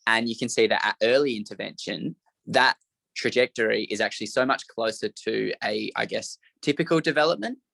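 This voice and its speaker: Young guy presenting at a workshop, low gravelly voice, bright edge, dry sound. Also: fairly quick, dry recording, poor audio. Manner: explanatory, frequent fillers and hedges. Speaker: youth mental health presenter.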